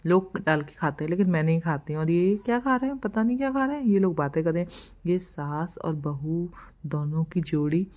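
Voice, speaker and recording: Chatty young woman vlogger, lowish voice. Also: a little fast, darkish tone. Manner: chatty, rambling, laughs at herself. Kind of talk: casual vlog voice-over.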